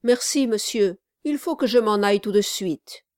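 A woman's voice: medium pitch, moderate pace, a little mellow, dry recording, clean studio sound, natural voice. A woman doing an earnest young male servant. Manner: polite, grateful, eager.

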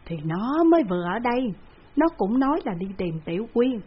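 A woman's voice: on the high side, very animated, a little fast, slightly rough, voice pushed up. A woman voicing an older rich village landlord who is flustered and stammers. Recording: dull lo-fi recording.

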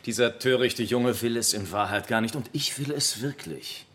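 An actor playing a suave, flippant, worldly lord in a German radio play, speaking in an urbane, teasing and nonchalant way. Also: male voice, medium pitch, normal speed, fairly bright tone, natural voice.

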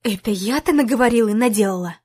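Woman narrator playing enraged young woman, loud accusations, somewhat high voice. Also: fast talker, breathy edge. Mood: furious. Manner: shouting angry accusations. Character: furious young woman confronting her ex.

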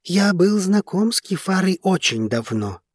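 A defiant young fighter, as a male narrator reads him speaks in an audiobook story, slightly raised and husky. The close recording sounds dry. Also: sits high, big pitch swings, a little slow, dry recording, voice pushed up, heavily acted.

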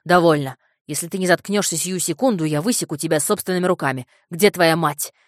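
A woman's voice: fairly low pitch, moderate pace, no echo, clean studio sound, natural voice. A woman reading an audiobook, voicing a fat, greedy, pompous man who blusters and threatens. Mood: blustering.

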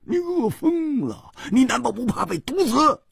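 A male storyteller voicing a boisterous, hot-tempered swordsman who shouts and laughs in a high, strained voice. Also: sing-song, slow, slightly rough, no room sound, studio quality, full character voice.

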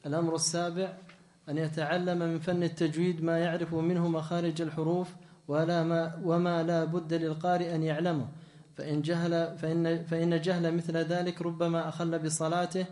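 Higher voiced guy reading out of a book, pretty flat, restarts a few words. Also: brisk. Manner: reads in a flat voice with small restarts. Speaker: student reading the text aloud.

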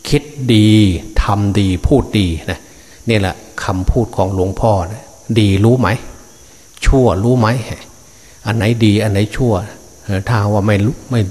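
An older man, a Buddhist monk, delivers a Dharma sermon in a fairly low voice. He talks unhurriedly and in a fatherly way, often pausing on hesitant fillers. He speaks to his listeners as his children and grandchildren. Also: steady tone, darkish tone.

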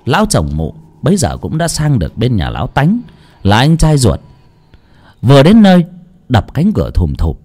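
A man narrating a horror story in an expressive, lilting storytelling manner. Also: mid-range voice.

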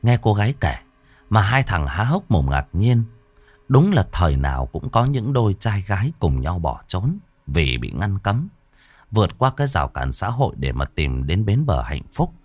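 A man narrating a ghost story in a dramatic, expressive way. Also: low voice, normal speed, dry recording. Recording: faint background music.

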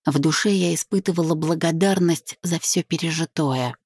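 A woman reads a first-person novel aloud in a calm, reflective manner. Her voice sits low and warm. The recording is close and dry, with no room sound. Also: moderate pace, breathy edge, no echo. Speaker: audiobook narrator. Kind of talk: scripted first-person narration.

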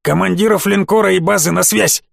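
Мужчина в роли сурового командора флота. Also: male voice, high-pitched, brisk, creaky, dry recording, studio quality. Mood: commanding. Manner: curt barked orders. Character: stern gruff male space fleet commander.

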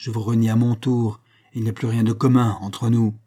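A man's voice: mid-range voice, flat delivery, normal speed, warm tone, natural voice. A man reading aloud voicing an impatient, superstitious old father who grumbles and grows exasperated. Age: older.

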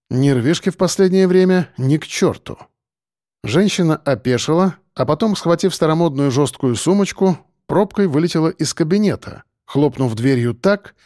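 A man narrating an audiobook in a measured, even storytelling manner. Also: fairly high pitch, dry recording, clean studio sound. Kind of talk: scripted narration.

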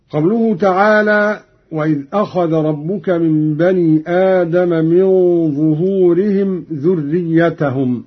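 A fairly high, husky male voice explains Quran readings at a very slow, deliberate pace, stopping often to recite examples melodically. The sound is dull and lo-fi.

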